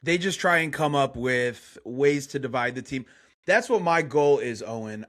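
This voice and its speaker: A young man from Chicago, a guest on a casual podcast interview, talking in a laid-back, rambling way with lots of fillers. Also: mid-range voice.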